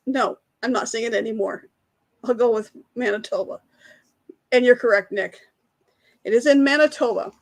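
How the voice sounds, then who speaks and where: Slow, chatty woman hosting trivia. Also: on the high side. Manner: reads questions aloud, greets and answers chat viewers, laughs at herself. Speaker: trivia livestream host. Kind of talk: casual live-chat trivia quiz.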